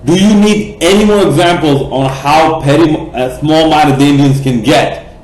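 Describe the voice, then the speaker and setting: Casting note: slightly high-voiced man, blunt, profane vlog ranter, echoey room. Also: normal speed, darkish tone. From Bangladesh. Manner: passionate, rambling, many fillers and restarts, blunt and profane. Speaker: cricket vlogger. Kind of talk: opinionated vlog rant.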